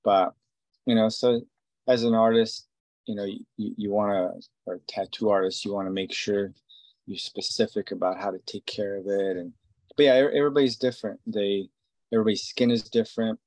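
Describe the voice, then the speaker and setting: A man's voice: lowish voice, fairly even intonation, fairly quick, a little mellow, dry recording. A man in his forties from Israel, a tattoo artist, talking casually in an interview and rambling with many fillers and restarts. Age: 40s.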